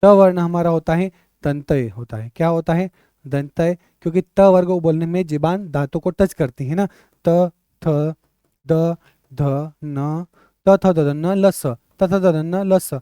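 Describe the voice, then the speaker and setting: A male teacher leading an online exam-prep class, drilling letters aloud and repeating questions to his students with lively energy. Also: on the high side, slow, smooth, no echo, studio quality.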